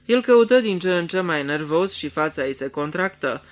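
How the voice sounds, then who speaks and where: A man narrating a detective story in a measured storytelling voice. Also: on the high side, lively intonation. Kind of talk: dramatic reading of a detective story.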